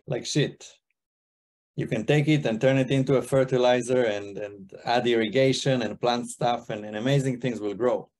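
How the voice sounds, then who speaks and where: A guest speaker who is an investor, this man in his thirties from Israel and China gives a webinar presentation using a computer mic on a video call. His voice is medium in pitch with a darkish tone. He talks in a loose, casual way, thinking aloud with many restarts.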